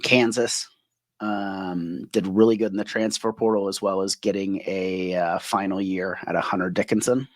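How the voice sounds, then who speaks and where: A man's voice: low voice, fairly even intonation, normal speed, no echo. A man co-hosting a podcast in casual conversation, talking in long stretches and often tagging his points with a questioning "right?". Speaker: podcast co-host. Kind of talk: casual sports podcast chat.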